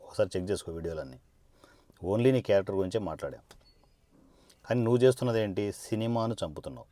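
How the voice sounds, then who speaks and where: Combative deep-voiced man, dry sound. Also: lively intonation, quick pace, mellow, no echo. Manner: combative, sarcastic, fires rhetorical questions. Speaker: politician. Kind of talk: confrontational video monologue.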